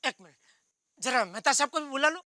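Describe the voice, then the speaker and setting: An actor playing an anxious middle-aged businessman in a TV sitcom, excitable and flustered, always pleading or hushing. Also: very high-pitched, brisk, over music. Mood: nervous. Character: jumpy, anxious middle-aged shopkeeper, comically secretive. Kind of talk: TV sitcom acting.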